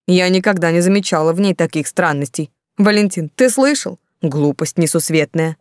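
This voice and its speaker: Lady voicing a bossy scheming countess mom, hissy, low-ish voice, dry sound. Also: moderate pace, darkish tone, no echo, close to an everyday voice. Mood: domineering. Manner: hissing, commanding. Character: domineering scheming mother, older countess.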